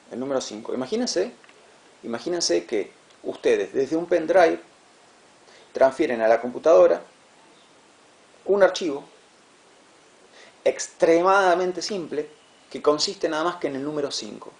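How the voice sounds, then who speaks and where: Gravelly man teaching a class. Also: fairly high pitch. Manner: patient, repeats words, asks "¿sí?" to check. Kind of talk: classroom lecture.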